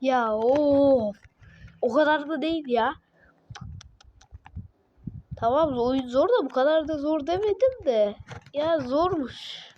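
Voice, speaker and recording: A woman commentating her own gameplay in a let's play video, exclaiming at each move and venting her frustration out loud. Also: sits high, animated, measured pace, long pauses, highs cut off. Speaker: gaming video host.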